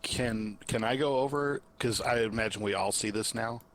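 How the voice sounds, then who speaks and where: A man's voice: lowish voice, normal speed. A man playing a tabletop game, talking casually and chattily with the group. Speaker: player.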